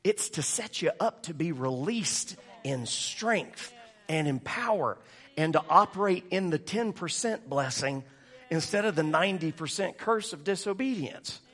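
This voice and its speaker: A man preaches a lively sermon, breaking into laughter as he tells funny stories. His voice sits a little high for a man, and he keeps a loose, joking tone with the congregation. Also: measured pace. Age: 40s. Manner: joking, storytelling, laughing often. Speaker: pastor.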